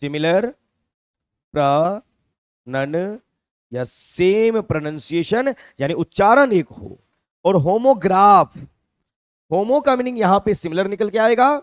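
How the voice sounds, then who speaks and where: A male teacher with a Hindi accent, explaining words one step at a time and stopping often to ask whether the class has it. His voice sits high and swings widely in pitch. The sound is close and dry. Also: no echo. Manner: explains step by step, checks with "clear?". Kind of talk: classroom lecture.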